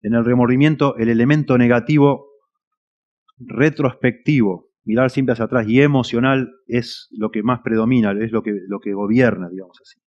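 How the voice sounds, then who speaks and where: A man's voice: mid-range voice, steady tone, moderate pace, darkish tone, dull audio. A man with a Rioplatense Spanish accent preaching a sermon as a pastor, earnest and at times emphatic. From Argentina. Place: church.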